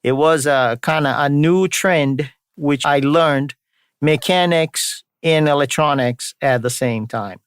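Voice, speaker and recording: A Brazilian man from São Paulo state, Portuguese his native tongue, hosts an informal podcast alone, speaking slowly in a clear, resonant, higher-pitched voice. His accent mixes Brazilian and Boston, dropping r's, and the clean studio recording has no echo.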